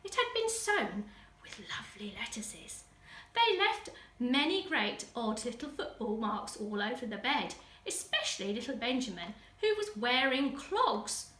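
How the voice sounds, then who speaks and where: A woman with an English accent reads a children's story in a fairly high, sing-song voice, measured in pace and pushed and bright. She's a school teaching assistant, adding dramatic emphasis for young listeners, recorded on a distant microphone with roomy echo.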